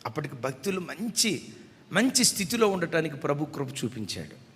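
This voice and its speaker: A middle-aged man preaching a sermon as a pastor, moving between hushed storytelling and loud, fervent declarations, recorded in a church hall. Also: a little high, sing-song, normal speed. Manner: swings from soft tearful storytelling to loud impassioned preaching. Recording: long hall reverb.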